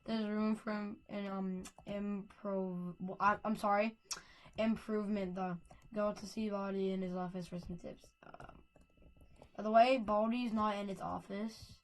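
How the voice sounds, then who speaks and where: A woman's voice: medium pitch, fairly even intonation, unhurried. Rambling woman doing game commentary. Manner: rambling, full of fillers and restarts. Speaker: gameplay video maker. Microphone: headset mic. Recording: lo-fi mic.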